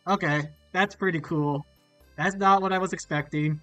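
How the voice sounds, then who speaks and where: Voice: mid-range voice, steady tone, normal speed, pushed and bright, dry recording. Streamer, crunchy bitcrushed portable mic, rambling curious chat, dry close sound, faint music behind. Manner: rambling, curious, asks many questions. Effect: crunchy, bitcrushed-sounding mic audio. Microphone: laptop portable streaming setup.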